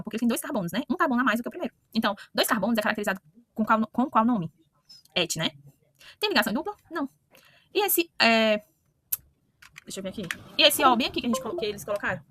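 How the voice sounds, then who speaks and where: A woman's voice: fairly high pitch, sharp tone. A woman teaching a chemistry lesson, talking straight to her students, asking "né?" often and correcting herself mid-sentence. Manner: talks to students directly with frequent questioning "né?" and self-corrections. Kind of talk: online lesson explaining to students.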